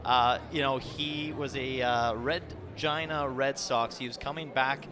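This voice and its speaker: A man's voice: medium pitch, fairly even intonation, unhurried. Male baseball commentator, noisy ballpark. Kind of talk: conversational sports commentary. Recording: clear outdoor ambient noise.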